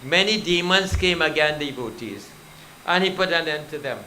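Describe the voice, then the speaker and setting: Over crowd noise on a low-quality recording, a male pundit with a fairly high, animated voice delivers a devotional sermon at a moderate pace. He tells stories from scripture and exhorts the devotees directly.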